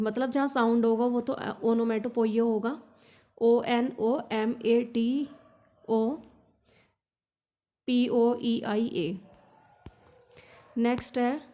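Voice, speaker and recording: An Indian woman teaching for an exam, reading English lines slowly and explaining them quickly in Hindi. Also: on the high side, warm tone. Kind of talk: exam-prep lesson.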